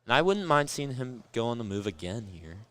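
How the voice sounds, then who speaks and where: A young man calls pitches and counts on a student radio baseball broadcast. He is laid-back and drily funny, with a voice of ordinary middle pitch. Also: sing-song, a little fast, sharp tone, slight background noise. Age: young adult. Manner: laid-back, dry humor. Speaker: color commentator. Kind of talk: college baseball radio commentary.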